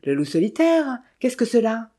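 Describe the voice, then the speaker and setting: A young American lady, eager and curious, with her voice lifted a little higher, as a narrator puts her on. She has a soft, dark storybook tone. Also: big pitch swings, moderate pace.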